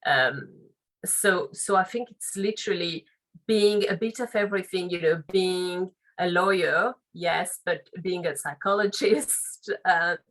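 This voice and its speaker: A Frenchwoman in her late thirties with a French accent, speaking English as a second language. Her voice sits on the lower side, and she answers interview questions reflectively, circling back and rephrasing as she goes. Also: unhurried, fairly bright tone, poor audio. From France. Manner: thoughtful, reflective, loose phrasing with restarts. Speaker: guest, legal and compliance officer.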